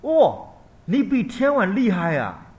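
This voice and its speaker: A man voicing an elderly mother who is excited and proud of her son, with high, shrill, drawn-out exclamations. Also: highs cut off. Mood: amazed. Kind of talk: dharma talk storytelling.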